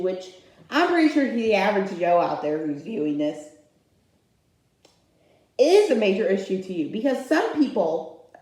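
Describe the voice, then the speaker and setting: A woman delivers a political commentary rant in a mellow, warm voice, rambling and opinionated and often stopping to restart her sentences. Her voice bounces around a very echoey room. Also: medium pitch. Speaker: channel host.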